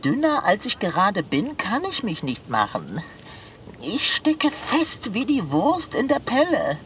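A woman's voice: medium pitch, wildly swooping pitch, unhurried, fairly bright tone, slight background noise. A woman voicing a fussy, dramatic male cat stuck in a pipe in a children's radio play, whining and complaining. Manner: whiny, dramatic, calls for help.

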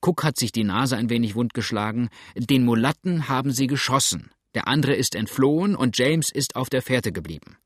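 A man voicing a gruff, flustered old backwoods farmer who grumbles and blurts things out. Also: medium pitch, lively intonation, normal speed, no room sound, studio quality, natural voice. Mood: flustered grumbling. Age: older. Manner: grumbling, rattled, loud outbursts.

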